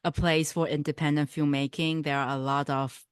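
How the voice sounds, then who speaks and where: A woman's voice: low-pitched, little pitch movement, normal speed, smooth, dry recording, clean studio sound. A woman from Taiwan, a filmmaker answering questions thoughtfully and often searching for words. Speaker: filmmaker and producer.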